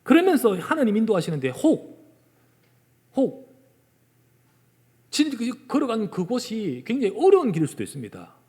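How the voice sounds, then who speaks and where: A male pastor with a Gyeongsang Korean accent preaching a sermon in a church, moving between loud emphasis and hushed whispers. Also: high voice, wildly swooping pitch, moderate pace, pauses often. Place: church sanctuary. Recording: long church hall reverb.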